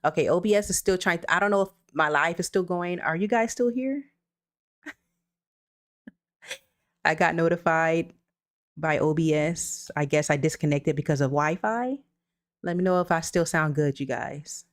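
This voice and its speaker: Her deep voice moves at a normal speed, broken by long pauses. Running a relaxed livestream through a computer mic, she reads viewers' comments aloud and responds in an easygoing, comforting way.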